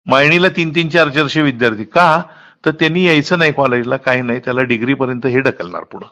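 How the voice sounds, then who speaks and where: Sharp in tone and quick-paced, a man with a mid-range voice talks earnestly on the phone, explaining matters at length the way a college principal might. He is middle-aged and sprinkles in English words, and the call sounds muffled and lo-fi.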